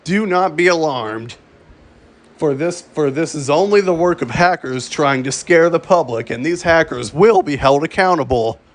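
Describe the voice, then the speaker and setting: Taking the role of an official announcer, a man with a fairly high voice reads a scripted mock emergency broadcast, halting here and there and repeating phrases.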